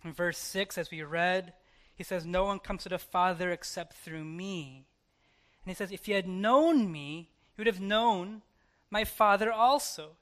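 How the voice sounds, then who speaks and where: A pastor with a mid-range voice preaches a sermon emphatically and a little slowly. He shifts between hushed and forceful delivery, leaning on repetition and rhetorical questions.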